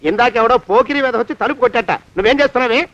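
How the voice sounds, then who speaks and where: A blustering vain boss, high and fast. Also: male voice, dry recording. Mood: bossy. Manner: blustering, excitable, bossy. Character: blustering vain middle-aged man, bossy master. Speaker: comic lead in a film scene. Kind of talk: film comedy acting. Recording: dull dry film audio.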